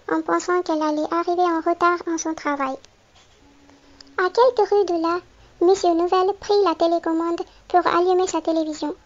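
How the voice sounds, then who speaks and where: Very high-voiced woman reading a children's book. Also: dull audio. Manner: clear, expressive storytelling for a young child. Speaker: storybook reader.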